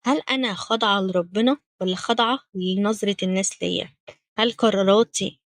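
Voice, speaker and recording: Gentle Egyptian woman, dry close voice. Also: medium pitch, steady tone, fairly quick, dry recording. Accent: Egyptian Arabic. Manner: gentle, direct address to young women. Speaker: religious talk host. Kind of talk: spoken religious advice series.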